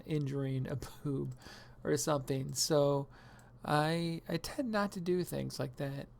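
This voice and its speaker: A woman's voice: deep voice, creaky, darkish tone, a little hiss or hum. Rambling, laughing woman streamer. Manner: rambling and self-deprecating, laughs often. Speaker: live streamer. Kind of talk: casual chat while gaming.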